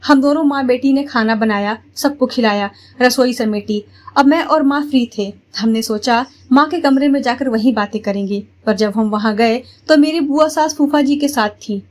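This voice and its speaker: High-voiced woman telling a family story. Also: normal speed, a little mellow. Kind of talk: first-person story narration.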